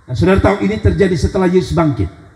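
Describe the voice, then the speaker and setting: A male pastor with a Kupang accent, preaching an animated sermon and acting out scripture scenes. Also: sits high, very fast, reverberant, rough recording. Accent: Kupang Indonesian. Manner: animated preaching that dramatizes scripture in acted-out voices. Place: church sanctuary.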